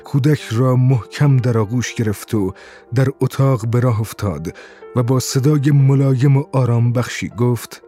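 A man reading a story aloud as an audiobook narrator in a steady, measured way. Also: medium pitch, soft background music. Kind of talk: scripted narration.

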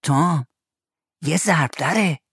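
A man's voice: a little high, vocal fry, a bit bright, slightly rough, no echo, clean studio sound, pitched above the performer's own voice, full character voice. A man voicing a loyal, scrappy young boy who sounds awed and eager, in a storybook reading.

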